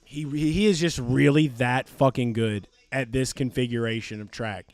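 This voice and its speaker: A man hosting a live race stream, giving excitable, profane, jokey commentary. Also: medium pitch, moderate pace, no room sound.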